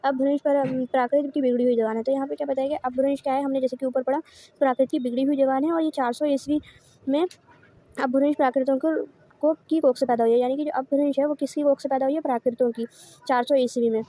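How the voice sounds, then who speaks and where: Her voice sits high and dark, with fairly even intonation, as she teaches an online class going over course notes. She answers her own rhetorical questions and says each idea again in other words.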